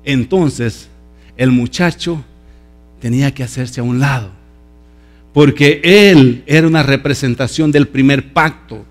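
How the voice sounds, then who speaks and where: A man preaching a sermon as pastor, emphatic and lively, acting out voices from the story. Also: medium pitch, measured pace, soft background music.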